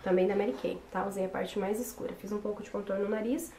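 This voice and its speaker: Casual tutorial host: young woman, voice hoarse from a cold, recorded in a roomy bedroom with faint noise. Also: mid-range voice, steady tone, quick pace. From Brazil. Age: young adult. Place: small bedroom, indoors. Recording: roomy echo with background noise.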